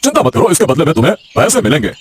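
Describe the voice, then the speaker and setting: A man voicing a calm, scheming village patron in a cartoon, measured and pondering. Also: a little high, slightly rough. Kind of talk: cartoon voice acting. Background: background music.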